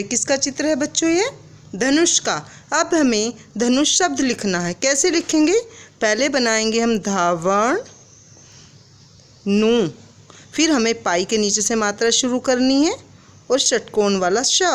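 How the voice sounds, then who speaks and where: A woman's voice: a little high, animated, slow. A woman teaching young children to spell, sounding out words syllable by syllable and asking them questions. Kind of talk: children's Hindi lesson.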